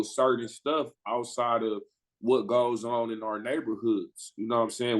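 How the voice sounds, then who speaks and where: A man's voice: mid-range voice, low-quality recording. A man in his twenties from the Midwest US, a podcast guest telling his story in loose, slangy talk and acting out what people said. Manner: animated, slangy storyteller who acts out quoted people. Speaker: podcast guest, pro basketball player. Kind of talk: casual storytelling interview.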